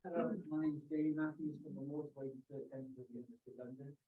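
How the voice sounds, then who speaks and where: A man's voice: on the high side, fairly even intonation, very fast, husky. A man giving a thoughtful comment from the floor of a conference room, searching for words as he goes. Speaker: audience member at a panel. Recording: muffled, far from the mic.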